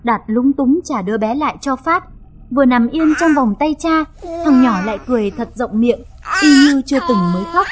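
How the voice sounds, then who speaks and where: A woman narrating a dramatic audio story in an expressive, measured reading. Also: high voice, crowd noise.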